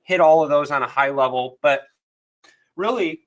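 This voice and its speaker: A man's voice: on the high side, moderate pace. A man with a stuffy, nasal voice from allergies, presenting a webinar in a casual, friendly way with frequent fillers.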